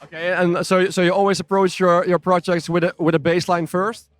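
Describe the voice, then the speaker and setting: A man's voice: high-pitched, flat delivery, a little fast, dry recording. Man, interviewer, dry close recording, short encouraging replies. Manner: brief encouraging replies, laughs often. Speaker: podcast host and interviewer. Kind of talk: casual interview.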